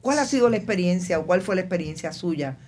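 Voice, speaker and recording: Woman radio host, somewhat low voice, formal measured questions. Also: expressive, darkish tone, a little hiss or hum. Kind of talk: interview questions.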